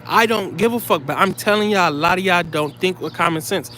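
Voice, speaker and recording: A man's voice: high voice, a little fast, bright, forceful tone, slight background noise. A man delivering heated, profane commentary straight to his viewers, blunt and scolding.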